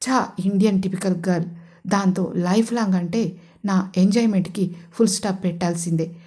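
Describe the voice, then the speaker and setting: A woman voices a scheming young man who is always on the edge of rage. He shouts commands and insults in a mellow, warm-toned voice. It sits inside a narrated audio love story. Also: mid-range voice, fairly even intonation, normal speed, natural voice. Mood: angry. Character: hot-tempered young man, scheming villain.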